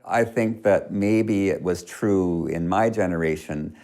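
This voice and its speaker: A man's voice: deep voice, steady tone, measured pace, darkish tone. A man researching speech, explaining sound differences precisely and demonstrating them in an interview. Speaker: linguistics researcher.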